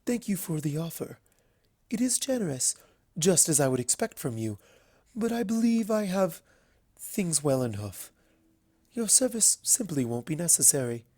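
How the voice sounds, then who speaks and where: A narrator voicing a regal, reserved winged unicorn princess in a storybook reading, with formal, measured courtesy. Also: medium pitch, sing-song, mellow, voice pushed up. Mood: cool, dismissive. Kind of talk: storybook character voice.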